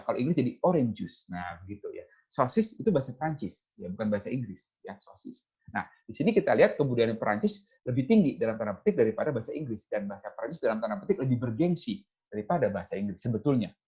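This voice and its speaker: A man lectures over slides, explaining step by step and often dropping "ya" and "nah" between phrases. His mid-range voice has a darkish tone, and the recording sounds muffled.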